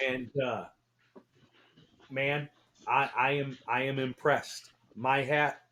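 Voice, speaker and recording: A man talking sports on a radio show, his voice sitting at an ordinary middle pitch. He gets excited fast, swears freely and circles back over his own words. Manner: excitable, swears, laughs, repeats himself. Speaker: talk radio co-host. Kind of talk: casual sports talk.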